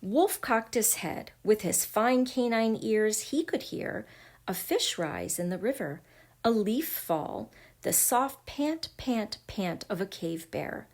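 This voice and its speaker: A woman reading a children's picture book aloud, gentle and expressive, sometimes dropping to a hush. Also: mid-range voice, slow. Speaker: storybook reader.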